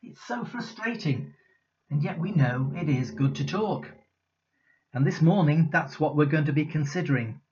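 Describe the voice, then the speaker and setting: A man giving a Sunday sermon, in a measured, conversational way. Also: on the high side, expressive, a little mellow, slight background noise. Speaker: preacher. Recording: slightly dull lo-fi recording.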